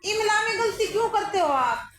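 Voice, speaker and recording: A woman's voice: very high-pitched, lively intonation, moderate pace, very noisy. A woman schoolteacher teaching pupils in a classroom, calling on them, praising and correcting their answers. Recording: echoey classroom with music over it.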